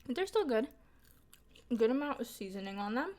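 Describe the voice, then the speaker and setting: With a fairly high, mellow voice and big pitch swings, a young woman chats quite quickly to viewers while eating. It's a casual mukbang vlog full of filler words and mild swearing.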